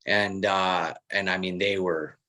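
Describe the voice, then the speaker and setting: Low-voiced man telling stories. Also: slow. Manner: relaxed storytelling with frequent restarts. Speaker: guest, former hockey player and coach. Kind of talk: casual podcast chat.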